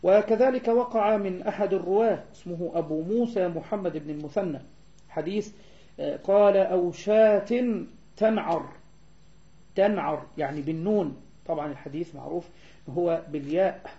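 A man teaching a lesson on hadith sciences, explaining terms and slowing down to recite verses and spell out letters. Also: high voice, dark tone. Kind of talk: classroom lecture. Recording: dull lo-fi recording.

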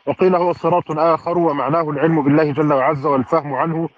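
A man reads a classical commentary aloud to his teacher at a quick clip. His fluent, formal reading gives careful vowel endings, and his voice sits a little high. The recording is dull and lo-fi. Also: steady tone.

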